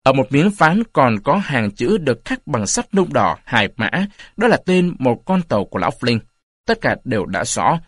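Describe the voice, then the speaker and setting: A man narrating a story aloud in an expressive reading style. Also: medium pitch, moderate pace, dry recording, clean studio sound. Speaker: audiobook narrator.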